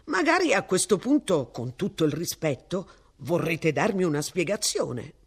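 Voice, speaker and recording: A woman's voice: on the low side, very animated, normal speed, slightly rough, full character voice. A woman voicing a cheerful, overfamiliar young man with a breezy, chatty manner in a story reading.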